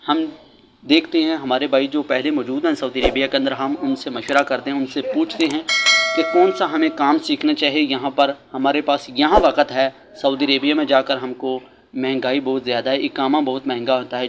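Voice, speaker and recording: A man's voice: medium pitch, little pitch movement, brisk. Man, vlogger, earnest advice, outdoors on a building site, phone camera, faint background noise. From Pakistan. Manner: earnest, advice-giving, repeats key points. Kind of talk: casual vlog commentary.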